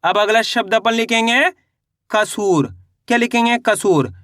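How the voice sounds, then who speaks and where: A man with a high, bright, ringing voice teaches beginners to read, sounding out every syllable one at a time before he joins them into a word. He keeps asking how to read the word and answers himself, patient and step by step. The sound is close and dry. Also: a little slow, no echo. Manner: asks and answers his own questions; addresses viewers as friends. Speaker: Hindi reading teacher. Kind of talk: slow, step-by-step spelling lesson.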